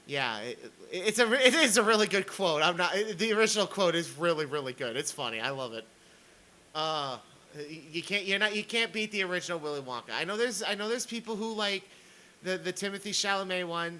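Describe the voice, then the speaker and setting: A man's voice: on the high side, pushed and bright, rough recording. A man streaming a ranting commentary, reading posts aloud in a sarcastic, mocking way.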